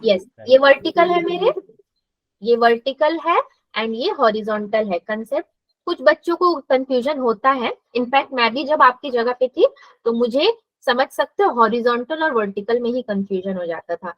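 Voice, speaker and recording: Woman, math teacher, high pitch, questions the class as she explains, dry dull lo-fi sound. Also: lively intonation, moderate pace, dry recording. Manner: explains step by step, asks students questions. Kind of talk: live classroom lesson.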